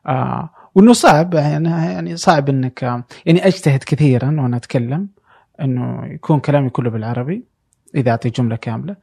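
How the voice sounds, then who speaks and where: Fast-talking, gravelly man. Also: mid-range voice, darkish tone, no echo, studio quality. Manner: halting, pauses to search for words. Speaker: podcast host. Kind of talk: casual interview conversation.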